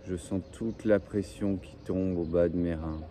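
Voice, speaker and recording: A very dark, mellow male voice, low in register, guides a breathing and relaxation session. He speaks slowly and soothingly, repeating short phrases with little melodic movement. Faint outdoor noise and birds sit behind him. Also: fairly even intonation. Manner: slow, soothing, repetitive phrasing. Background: faint birdsong and ambient noise.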